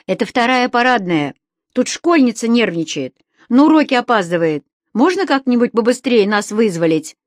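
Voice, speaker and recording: A woman voicing a kindly old man who calmly reassures and gently lectures in an audiobook story. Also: on the high side, normal speed, dry recording, clean studio sound. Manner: calm, soothing, a little lecturing.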